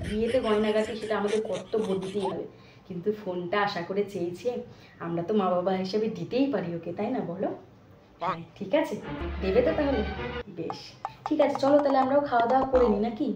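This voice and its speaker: A woman playing a kind, fussy mother-in-law who coaxes her new daughter-in-law along in a comedy sketch, talking fast. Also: high-pitched, over music, close to an everyday voice. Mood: confiding. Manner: fussy, coaxing, talks fast. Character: doting kind mother-in-law, middle-aged, fussing over her son's wife. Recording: echoey room with faint noise.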